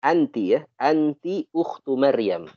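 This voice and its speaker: A man's voice: lowish voice, animated, normal speed, no echo, highs cut off. A man with an Indonesian accent teaching an online Arabic class, patiently correcting and translating phrases.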